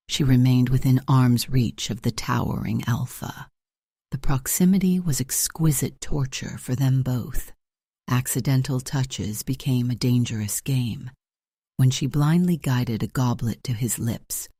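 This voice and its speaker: Mellow dark-toned male audiobook narrator. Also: medium pitch, no room sound, studio quality. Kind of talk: scripted romance audiobook narration.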